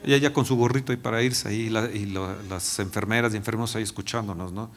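A man in his fifties, a pastor, preaching a personal testimony with emotion, dropping to a hushed voice and rising again. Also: fairly low pitch, steady tone, fast talker. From Mexico. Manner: emotional, swings from loud to hushed. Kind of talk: sermon testimony.

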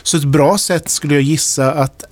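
A man hosting a radio talk show, asking calm questions and reading the closing announcement. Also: a little high, no room sound. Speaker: radio host. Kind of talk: radio interview and scripted outro. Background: music.

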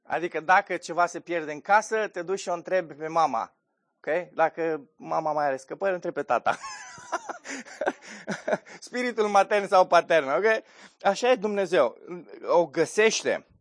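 A man's voice: on the high side, dry recording, clean studio sound. A man in his thirties preaching a sermon, reading scripture aloud and putting questions to his listeners. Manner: lively preaching, reads scripture aloud, asks the congregation questions. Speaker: pastor.

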